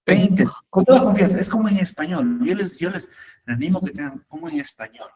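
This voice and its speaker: A man's voice: high voice, animated, darkish tone, far from the mic, rough recording. Patient man teaching English, set back from the mic. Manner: patient, repeats words slowly, asks "¿no?". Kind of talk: online class, explaining in Spanish.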